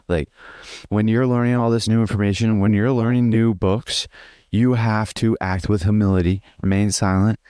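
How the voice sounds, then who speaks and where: A man's voice: on the low side, flat delivery, moderate pace, warm tone, smooth, no room sound, studio quality. A young man talking casually in a personal vlog, rambling with lots of fillers in an earnest way. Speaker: vlogger.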